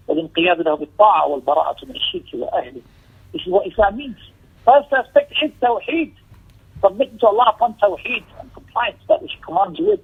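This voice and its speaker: A man with a high, creaky voice and a breathy edge teaches an Islamic lesson as a religious teacher, commenting on a text. He is emphatic, repeating phrases, posing rhetorical questions and shifting into Arabic recitation. The audio is tinny and narrow, like a telephone line.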